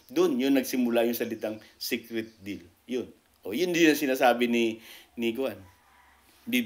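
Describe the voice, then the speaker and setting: A man giving casual political commentary as a vlogger, animated and repetitive, his voice jumping up in pitch when he makes a point. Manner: animated, repetitive, keeps asking "di ba?"; rises sharply in pitch when making a point.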